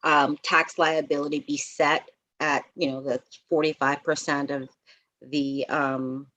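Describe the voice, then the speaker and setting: Low bright-voiced woman on a video call. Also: flat delivery, a little slow, poor audio. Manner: hesitant, many fillers and restarts. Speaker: housing developer presenting a proposal. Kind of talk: public meeting over video call.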